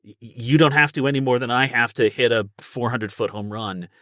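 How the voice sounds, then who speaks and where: This clip features a male guest voice actor and audiobook narrator on a podcast, using everyday analogies to explain things in a casual yet emphatic way. His mid-range voice moves at a moderate pace with a slightly bright quality, and the studio recording has no room sound.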